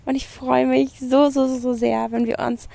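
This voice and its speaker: The podcast host's voice here is high, warm and fairly flat in pitch, with vocal fry and no echo, at a moderate pace. By the sea at night she gives a gushing spiritual pep talk, dropping casual swear words and bits of English.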